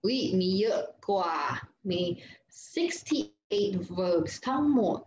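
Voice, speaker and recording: A woman with a Thai accent teaches English grammar online, mixing Thai and English, reading out word lists, and answering her own questions. Her medium-pitched, darkish voice has lively intonation and drawn-out words. The recording is roomy and dull, lo-fi with faint noise.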